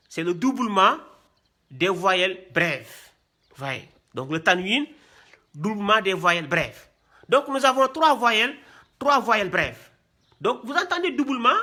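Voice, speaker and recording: This Quran reading teacher has a very high, pushed and bright voice. During a classroom lesson on reading Arabic script, he goes over each point repeatedly, drilling terms and asking "voyez bien" and "hein".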